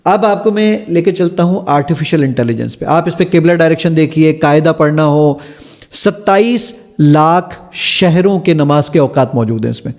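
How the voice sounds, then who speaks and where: Eager high-voiced man demoing an app. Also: a little mellow. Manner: eager, stepping through features one by one. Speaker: app founder and guest. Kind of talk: explaining and demonstrating an app.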